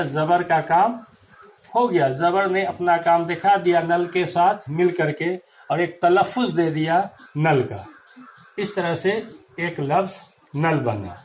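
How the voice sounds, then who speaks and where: A man with a slightly raised voice teaches a grammar lesson, slowly and patiently spelling out letters and marks. A faint hum of room ambience sits underneath. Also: a little high, poor audio.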